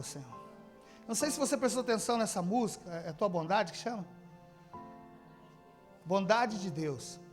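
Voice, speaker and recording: Pastor, super high voice, preaching hard then dropping to a hush, faint music behind. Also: male voice. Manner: impassioned, swinging from shouts to near-whispers, calls out to the congregation. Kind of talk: sermon. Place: church service.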